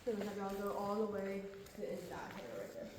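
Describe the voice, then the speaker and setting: A woman's voice: mid-range voice, expressive, quick pace. A woman working as a cave guide, explaining things informally to a tour group in an echoing cave. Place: inside a cave. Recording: echoing cave, faint background noise.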